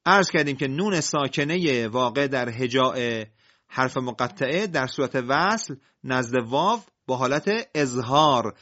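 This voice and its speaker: A man's voice: mid-range voice, lively intonation, bright, forceful tone, highs cut off. Methodical man lecturing on recitation. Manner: methodical, enumerating points one by one. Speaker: Quran recitation teacher. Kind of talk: explanatory lecture.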